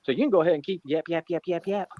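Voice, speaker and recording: A man's voice: a little high, very fast, dry recording, muffled recording. A man in his thirties bragging and taunting in brash, repetitive trash talk. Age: 30s. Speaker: streamer in a played clip.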